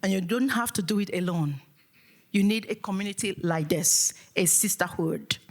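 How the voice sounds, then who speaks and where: A motivational speaker from Africa delivers a rousing keynote to a live audience in an event hall, using preacher-like call and response. Her mid-range voice moves at normal speed.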